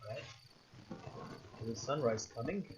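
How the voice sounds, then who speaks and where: Reading a visual novel aloud for a let's play, this gaming host keeps interrupting with jokey exclamations and swearing. His mid-range voice is lively at a normal speed, though the low-quality recording carries a little hiss or hum.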